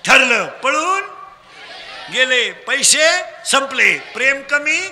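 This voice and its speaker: A man with a Khandeshi Marathi accent preaching a humorous kirtan sermon, teasing and drilling children in call-and-response and shouting prompts at them. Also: very high voice, animated, slow pace, long reverb tail.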